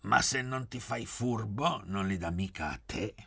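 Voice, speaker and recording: A man's voice: fairly low pitch, animated, measured pace, gravelly, sharp tone, slightly rough, no echo, voice pushed up, exaggerated voice. A man voicing a cheerful, cheeky young student in a literary audiobook. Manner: playful and cheeky.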